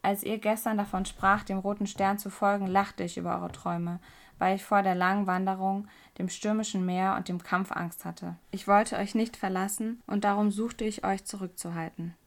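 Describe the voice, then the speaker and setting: Lady reading a weary old king, earnest, bit gravelly. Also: medium pitch, steady tone, moderate pace, natural voice. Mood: regretful. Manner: earnest, regretful. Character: timid, weary old man, a wise king.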